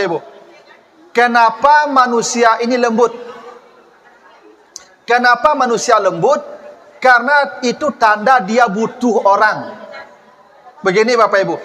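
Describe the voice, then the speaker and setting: A man's voice: sits high, slight background noise. A man preaching a humorous sermon, joking with and questioning his congregation as he talks. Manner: lively, joking, addresses the audience directly.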